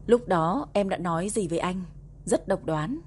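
A stubborn, playful young wife from a romance audiobook teases her husband. A woman reads her in a lowish, warm voice with a soft, mellow tone and an easy, teasing lilt. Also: lively intonation, moderate pace, slight background noise, lightly acted. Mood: tender.

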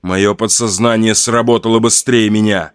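A man's voice: fairly low pitch, fairly even intonation, moderate pace, clear, resonant tone, no room sound, studio quality. A man reading a first-person horror audiobook in a somber, tense storytelling manner. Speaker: audiobook narrator.

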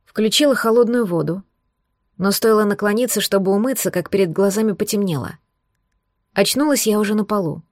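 A woman narrating a first-person audiobook in an expressive, tense storytelling manner. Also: mid-range voice, a little fast, dry recording, clean studio sound.

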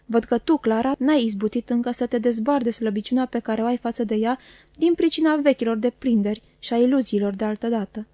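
A woman's voice: fairly high pitch, warm tone, no echo, close to an everyday voice. A stern, grave stepfather, read by a woman. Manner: slow, grave, commanding. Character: stern, cold middle-aged man, harsh stepfather.

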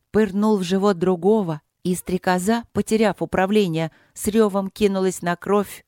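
A narrator giving a steady, measured audiobook reading from a script. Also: medium pitch, no echo, studio quality.

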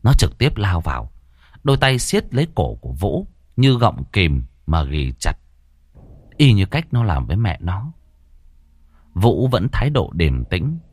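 Nam kể truyện ma, giọng trầm, lên xuống sinh động. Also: male voice, sits low, unhurried, long pauses, breathy edge, no echo. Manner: dramatic, lively storytelling. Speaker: storyteller. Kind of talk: scripted horror narration.

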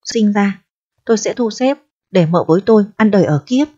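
A woman's voice: mid-range voice, expressive, moderate pace, dark tone, no echo, natural voice. A woman reading the lines of a much older married man who placates and lectures in a storybook reading. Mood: placating. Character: older married man, forty years her senior, persuasive. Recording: dull, dry audio.

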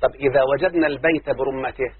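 A man teaching a lesson on verse meter, chanting the quoted lines slowly and then explaining them plainly. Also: medium pitch, fairly even intonation, dry recording. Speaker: teacher of Arabic prosody. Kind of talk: religious-style lecture explaining verse. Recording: dry, phone-like lo-fi, husky.

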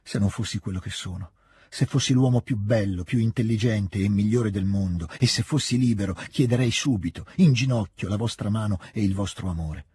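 A man reading the lines of a kind, shy nobleman who speaks gently and tenderly, a little halting. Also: lowish voice, breathy edge, no echo. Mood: gentle, tender.

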